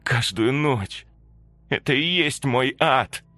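A man voicing the remorseful ghost of an older woman who was once a jailer, confessing quietly, read in a dry, close recording. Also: medium pitch, takes it slowly, dry recording, faint music behind, pitched above the performer's own voice.

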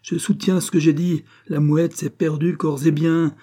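A man voicing a scheming, gloating male lawyer in an audiobook, shouting defiantly. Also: a little high, little pitch movement, measured pace, voice pushed up.

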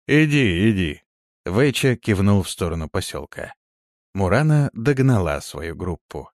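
A man narrating an audiobook in an expressive storytelling manner. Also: low voice, unhurried, dry recording, clean studio sound.

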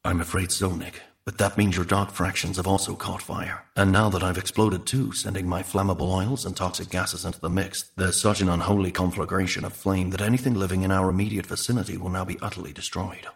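An actor voicing a half-destroyed man who calmly and matter-of-factly explains events at length. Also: low-pitched, fairly quick, vocal fry, hardly any pauses. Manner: calm, matter-of-fact, long explanations.

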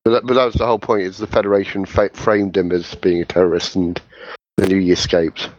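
A man on a casual podcast chat, correcting others quickly and emphatically. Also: low voice, flat delivery, no echo. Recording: slightly muffled lo-fi audio.

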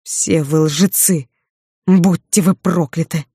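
An enraged old father who hurls curses in grief, as a woman narrator puts him on. The voice is low and dark, pushed up in anger, with a dry, close sound. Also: fairly even intonation, slow, slightly rough, no room sound, full character voice. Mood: furious. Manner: shouting in anger.

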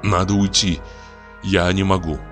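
A man's voice: sits low, little pitch movement, measured pace, fairly bright tone, soft background music. A man reading an audiobook voices a nervous young man pleading with a friend in a trembling voice. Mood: pleading, desperate.

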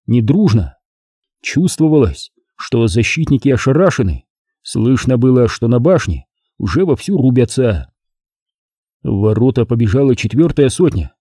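A man reading an audiobook in expressive scripted narration. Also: mid-range voice, breathy edge, dry recording, studio quality. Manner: expressive storytelling.

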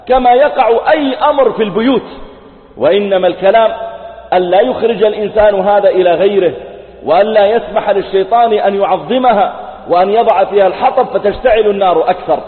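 A man preaching a sermon, retelling a story vividly and acting out its dialogue. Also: high-pitched. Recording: tinny phone-like sound in an echoey hall.

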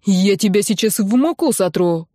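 A woman voicing a hot-tempered middle-aged father who bellows and splutters in a hoarse voice, as an audiobook character. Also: medium pitch, lively intonation, moderate pace, warm tone, no echo, clean studio sound, lightly acted. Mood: enraged.

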